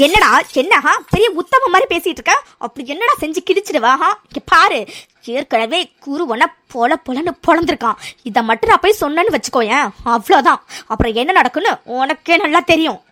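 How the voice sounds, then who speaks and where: A woman voicing a shrill, fiery young cartoon student. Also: expressive, a little fast, sharp tone. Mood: furious scolding. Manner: scolding, shrill and indignant. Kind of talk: cartoon serial dubbing.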